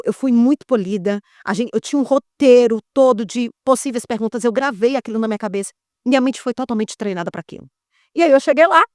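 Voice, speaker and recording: A middle-aged Brazilian woman with a Brazilian Portuguese accent, guest in an interview, telling a story in a lively way and acting out the voices she quotes. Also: on the high side, dry recording, studio quality.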